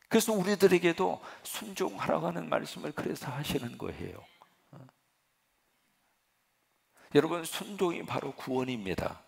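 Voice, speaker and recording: A male pastor preaches with a deeply gravelly, fry-laden voice. His pitch rises and falls in a lively way as he poses rhetorical questions and answers them. The delivery is animated and earnest. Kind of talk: sermon.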